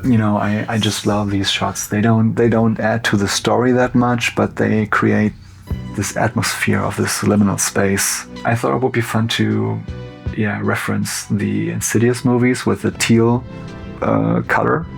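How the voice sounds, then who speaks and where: Gravelly, flat-voiced German-accented man. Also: lowish voice, unhurried, faint music behind. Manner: relaxed, loose, sprinkled with "like" and "you know". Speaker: cinematographer. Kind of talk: casual behind-the-scenes commentary.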